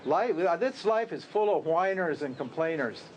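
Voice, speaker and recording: A man with a fairly high voice teaches a group in a loose, conversational way. He asks rhetorical questions and now and then laughs at his own lines. A faint hiss of noise sits under his voice. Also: animated, moderate pace. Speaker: spiritual teacher. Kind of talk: informal spiritual talk to a group.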